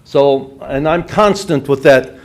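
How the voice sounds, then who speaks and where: Speaking slowly in a mid-range voice, a septuagenarian from Dearborn, Michigan, addresses a city council meeting during public comment. He rambles insistently and keeps saying "and so forth."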